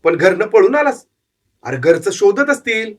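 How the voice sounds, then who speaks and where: A man's voice: high-pitched, very animated, measured pace, pitched above the performer's own voice, heavily acted. A man voicing a shrewd, cynical old male street fortune-teller who talks bluntly and knowingly in a narrated story. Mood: questioning. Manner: blunt, scolding, worldly.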